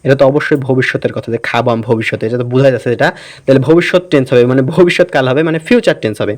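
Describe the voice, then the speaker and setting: A man's voice: mid-range voice, rapid-fire. A man teaching English grammar in a casual classroom style, asking questions and answering them himself. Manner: talkative, asks and answers his own questions. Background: noisy surroundings.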